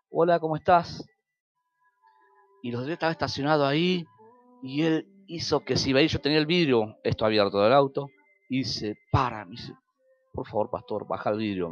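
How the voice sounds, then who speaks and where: A man's voice: mid-range voice, muffled recording. A man with an Argentine Spanish accent preaching a sermon as pastor, telling stories and acting out quoted dialogue with sudden rises and drops.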